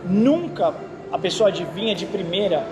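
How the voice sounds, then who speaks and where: The audio is dull, with music in the background, as a Brazilian man with a high voice speaks at normal speed. A racing driver and instructor, he tells stories in a relaxed interview, animated and frequently adding "entendeu?"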